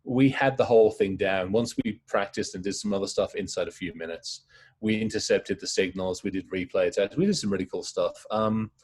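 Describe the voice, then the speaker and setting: A middle-aged man, a guest in a casual interview, talking in quick, rambling stories. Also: on the low side, darkish tone, husky. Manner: fast, rambling storytelling.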